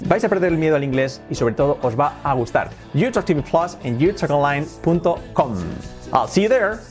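A man from Spain teaching English in a video lesson, explaining in Spanish and saying the English phrases slowly and clearly. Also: on the high side, lively intonation, faint music behind.

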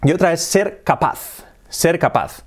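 Lively man teaching English. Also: a little high. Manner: explanatory, repeats examples slowly, lively intonation. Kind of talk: casual video lesson.

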